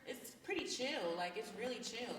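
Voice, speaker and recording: A woman's voice: fairly high pitch, lively intonation, normal speed, fairly bright tone, soft background music. A young adult woman as a podcast guest, chatting candidly and easily, often saying "like". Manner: candid, laid-back, peppers speech with "like". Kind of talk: casual chat. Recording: echoey room with distant mic and noise.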